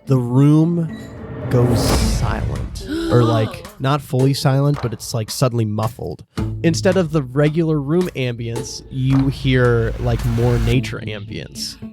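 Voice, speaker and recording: Slow, halting game master over loud guitar music. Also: male voice, medium pitch. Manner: halting, searching for words. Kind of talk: improvised tabletop game narration.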